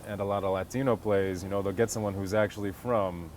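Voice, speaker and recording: A stage actor from Connecticut in the United States recounts stories in an informal interview held outside on a golf course. He talks fast in a lowish, darkish voice with fairly even intonation. Vehicles and other outdoor sounds are clearly audible.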